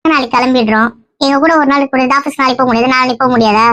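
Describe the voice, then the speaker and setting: A woman's voice: sits high, fairly even intonation, a bit bright. A woman playing a mother who scolds and teases her daughter in a family skit. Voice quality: scolding, teasing, rapid. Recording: dull dry lo-fi sound.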